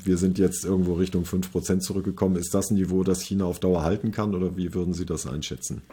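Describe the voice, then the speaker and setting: A man's voice: sits low, fairly even intonation, quick pace, warm tone, slightly rough. A man conducting an interview, asking long conversational questions with many fillers. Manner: conversational, thinking aloud with fillers.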